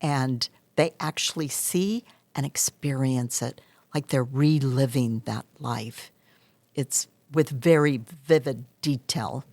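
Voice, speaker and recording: A woman speaking as an interview guest and hypnotherapist, explaining and telling of her work in earnest, measured short phrases. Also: extremely low pitch, darkish tone, no room sound. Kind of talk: interview answers, explanatory storytelling.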